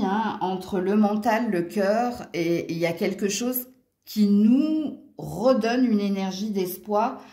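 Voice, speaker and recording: Woman with Franche-Comté accent, tarot reader, chatty, exclaims often, mid-pitched voice, echoey room at home. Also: mellow. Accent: Franche-Comté French. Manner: chatty, exclaims often, many hein tags. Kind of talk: casual card reading for viewers. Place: at home near a window. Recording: roomy echo.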